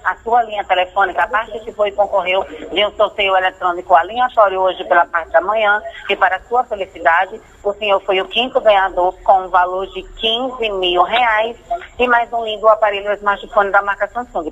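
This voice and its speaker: A man on a landline phone call, announcing a prize in a rapid, insistent scripted pitch and often asking if everything is all right. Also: fairly bright tone. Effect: heard over a landline phone. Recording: muffled phone line with faint hiss.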